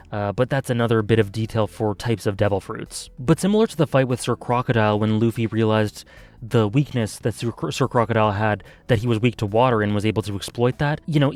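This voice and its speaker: A man's voice: fairly low pitch, darkish tone. A man casually reviewing an anime arc, thinking aloud with many fillers and self-corrections.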